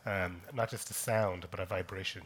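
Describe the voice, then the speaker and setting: A man from Kenya telling his personal story on a conference stage, slow and deliberate, with frequent pauses and "um"s. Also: sits low, fairly even intonation, a bit bright, a little hiss or hum. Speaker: conference speaker, company co-founder.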